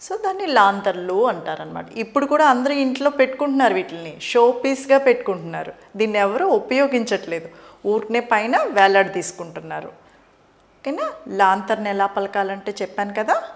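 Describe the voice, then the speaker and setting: A woman's voice: mid-range voice, sing-song, vocal fry. A middle-aged woman teaching preschoolers the alphabet, sounding out words syllable by syllable and asking the children questions. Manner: slow, drawn-out syllable-by-syllable teaching; asks the children questions and answers them.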